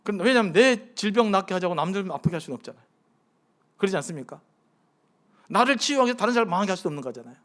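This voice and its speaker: High-voiced pastor preaching conversationally. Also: male voice. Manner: conversational preaching with rhetorical questions to the congregation; acts out pleading prayers in a hushed, softened voice. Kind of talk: sermon at a midweek prayer service.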